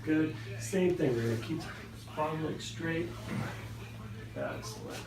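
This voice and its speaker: In a slightly high voice with huge pitch swings and a measured pace, a man working as a chiropractor casually walks a patient through a hands-on adjustment. His instructions are brief and reassuring. The recording has an echoey room, a distant mic and music in the background.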